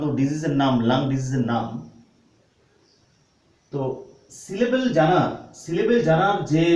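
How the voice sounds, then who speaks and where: A man's voice: on the high side, darkish tone. A man teaching a grammar lesson, asking questions and answering them himself. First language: Bengali. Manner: asks and answers his own questions. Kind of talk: classroom lesson. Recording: echoey room, voice from far off.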